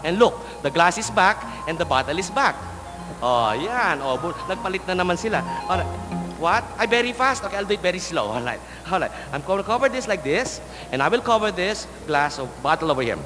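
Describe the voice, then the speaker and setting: A man's voice: sits high, sing-song, brisk. A man with a Filipino accent doing playful, showy comedy magic patter like a kids' party magician on stage. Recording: echoey hall sound, music behind.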